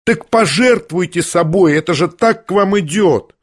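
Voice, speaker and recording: A man's voice: high-pitched, moderate pace, voice pushed up. A man reading an audiobook, voicing a proud, jealous young noblewoman who fires off agitated, reproachful questions. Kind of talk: audiobook character voice.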